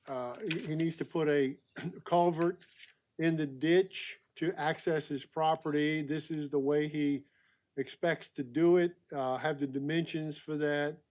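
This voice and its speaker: A man presenting permit items at a public meeting, halting with many fillers and clearing his throat often. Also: on the high side, darkish tone.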